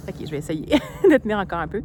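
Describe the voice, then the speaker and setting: A woman's voice: medium pitch, sing-song, quick pace, a little mellow, a little hiss or hum. A young woman with a Québécois French accent, chatting casually in a book vlog, explaining things at length into a handheld phone. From Quebec. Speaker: book vlogger.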